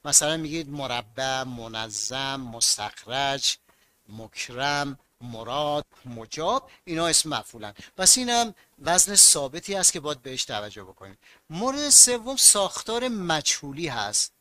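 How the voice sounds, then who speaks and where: A man's voice: mid-range voice, very animated, bright, forceful tone, no echo. A man with a Mashhad accent teaching an online grammar class, patiently explaining rules and asking his students questions that he then answers himself.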